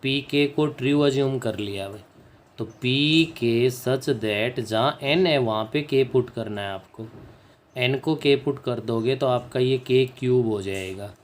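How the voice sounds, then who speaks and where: Slow, deliberate male maths teacher. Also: mid-range voice, a little hiss or hum. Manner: slow and deliberate, dictates English phrases word by word, checks in with students. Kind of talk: board-work maths lesson.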